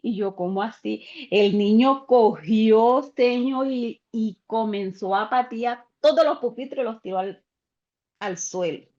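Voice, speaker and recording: Animated woman telling a classroom story. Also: on the high side, a little slow. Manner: animated, acts out quoted voices. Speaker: teacher sharing an experience in a class. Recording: dull lo-fi call audio.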